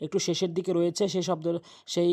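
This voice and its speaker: A man with a Bangladeshi Bengali accent teaching Quran reading, spelling out Arabic letters and vowels before reciting them slowly. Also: high-pitched, level tone, darkish tone. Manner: chanted recitation, slow and drawn out.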